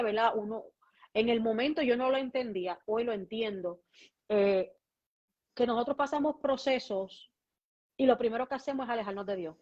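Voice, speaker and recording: A woman pastor tells her story as a guest, voicing each person in her conversations with lively back-and-forth. Her voice sits fairly high. The recording sounds dull and lo-fi. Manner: lively storytelling, acting out both sides of conversations. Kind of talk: testimony in an interview.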